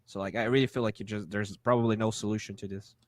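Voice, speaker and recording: A man's voice: on the low side, fairly even intonation, quick pace, a little mellow, dry recording. A man co-commentating a live esports match, analyzing hesitantly with many fillers. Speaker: esports co-caster.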